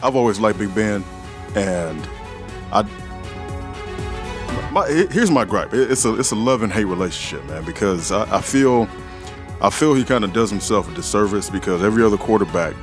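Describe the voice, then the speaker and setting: A man with a deep, low magnetic voice talking casually about sports as a podcast co-host. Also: expressive, moderate pace, pauses often, music in the background.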